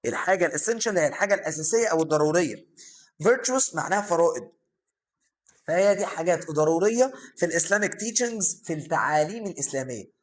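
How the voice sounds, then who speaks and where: A young man with an Egyptian accent runs through vocabulary at a brisk clip, his voice sitting fairly high for a man. He poses a question and then answers it himself, with plenty of "aah" filler, like a tutor recording a review session. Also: animated. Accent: Egyptian Arabic. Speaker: English teacher. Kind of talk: vocabulary lesson for secondary students.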